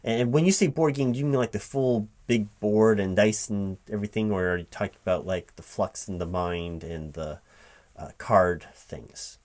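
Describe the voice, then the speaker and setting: A man with a lowish, darkish voice plays a recruiting manager in a one-sided job interview ASMR roleplay, with keyboard typing in the background. He sounds halting and puzzled, often repeating things to check them.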